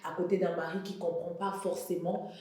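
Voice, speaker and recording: A woman's voice: fairly low pitch, level tone, brisk, warm tone. A woman hosting a studio talk show, asking probing questions and adding playful teasing asides. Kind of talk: studio interview. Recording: very echoey studio.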